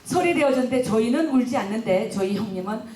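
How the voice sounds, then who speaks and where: A woman's voice: a little high, lively intonation, quick pace, darkish tone, slight background noise. Middle-aged woman lecturer, emotive storyteller, faint room tone, echoey space. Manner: emotive, re-enacts family dialogue. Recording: roomy and distant.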